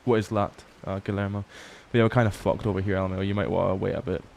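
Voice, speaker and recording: A man's voice: deep voice, fast, vocal fry, a little hiss or hum. Tired man chatting on a stream. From Scotland. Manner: relaxed, swears often, reads chat aloud. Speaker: livestream host. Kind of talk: casual late-night stream chat.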